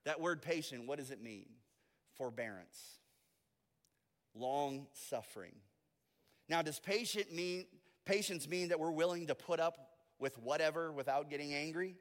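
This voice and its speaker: A man's voice: a little high, unhurried. Preaching man in a reverberant hall. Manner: dynamic, swings from soft to loud emphasis. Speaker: pastor. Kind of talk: sermon.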